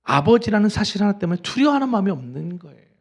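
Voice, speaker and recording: A middle-aged man preaching from the pulpit with a somewhat high voice. He tells the story with animation and acts out the voices he quotes. He keeps asking the congregation questions as he goes. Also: very animated, quick pace. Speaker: pastor. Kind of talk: sermon. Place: church sanctuary.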